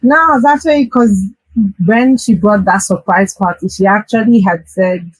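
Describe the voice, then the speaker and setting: A woman guest in a casual podcast chat, speaking in a relaxed, matter-of-fact way. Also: medium pitch, normal speed, no room sound, poor audio.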